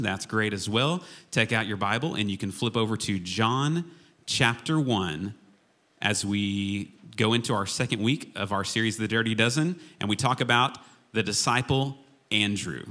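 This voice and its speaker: A man's voice: fairly low pitch, moderate pace, fairly bright tone. A man from Oklahoma giving a casual, humorous sermon as a pastor, chatty and self-deprecating in an informal way. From Oklahoma, United States. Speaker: worship and media arts pastor, guest preacher.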